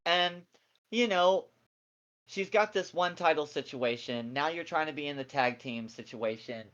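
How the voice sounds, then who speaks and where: A man in his forties co-hosting a casual wrestling review, excitable and jokey with a lot of slang. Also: on the high side, measured pace, highs cut off. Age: 40s. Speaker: co-host.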